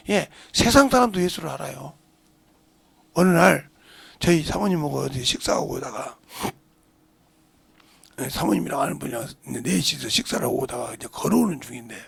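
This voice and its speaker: A middle-aged male pastor preaching a sermon, dropping to whispered prayers and rising to shouts. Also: fairly high pitch, creaky, slightly rough, dry recording. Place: church sanctuary.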